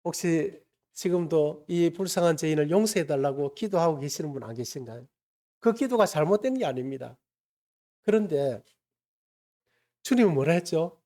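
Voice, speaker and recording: A man's voice: a little high, lively intonation, normal speed, long pauses, warm tone. A man preaching a sermon in a church, telling a story and acting out its characters. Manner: storytelling, acts out quoted voices. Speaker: pastor. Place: church sanctuary.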